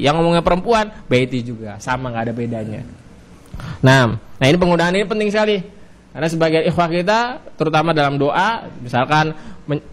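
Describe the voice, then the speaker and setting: Indonesian man drilling Arabic grammar. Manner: repetitive drilling, rising pitch on each cue then dropping on the answer; stretches out Arabic words slowly. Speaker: Arabic teacher. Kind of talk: classroom lesson.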